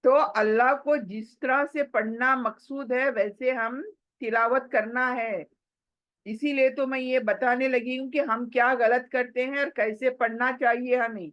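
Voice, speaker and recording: Woman recitation teacher, fairly high voice, patient, with mixed in, slow clear modelling, muffled lo-fi recording. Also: steady tone, no room sound. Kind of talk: tajweed lesson with recitation.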